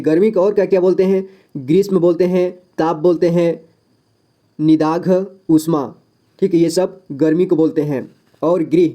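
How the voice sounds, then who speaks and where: A man's voice: on the high side, mellow. A man teaching a Hindi vocabulary lesson, listing words one by one and checking in with "ठीक है" after each point.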